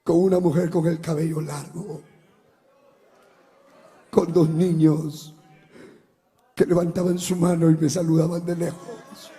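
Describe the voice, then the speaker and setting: A man, a pastor giving a dramatic testimony sermon that swings from shouting to hushed speech. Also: on the high side, little pitch movement, unhurried, long pauses, a faint crowd. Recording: long hall reverb.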